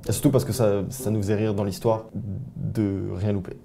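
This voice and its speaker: A man from France telling anecdotes to the camera in a casual, animated, self-mocking and slangy way. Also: fairly low pitch, moderate pace, loud music behind the voice. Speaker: vlogger.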